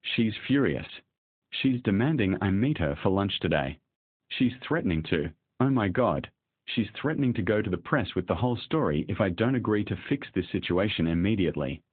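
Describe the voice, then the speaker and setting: A man voicing a resolute young wife who is done being passive, read in a steady, even way. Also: fairly low pitch, moderate pace, breathy edge. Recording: dry, tinny phone-like sound.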